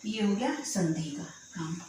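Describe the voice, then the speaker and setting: A woman's voice: fairly low pitch, lively intonation, a little slow. A woman teacher explaining a grammar lesson patiently, often checking that students follow. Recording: very echoey room with faint noise.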